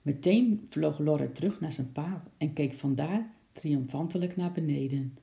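Gravelly storybook narrator. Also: medium pitch, measured pace, warm tone. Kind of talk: children's storybook reading.

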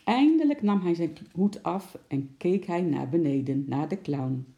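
A man reading a children's storybook aloud in a steady, expressive narration. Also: a little high, a little slow, dull audio.

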